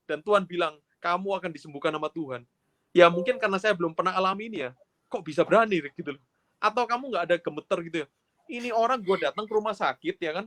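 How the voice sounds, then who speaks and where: A man's voice: high voice, a bit bright. A man hosting an interview, asking questions in a casual, conversational way with loose fillers. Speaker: host.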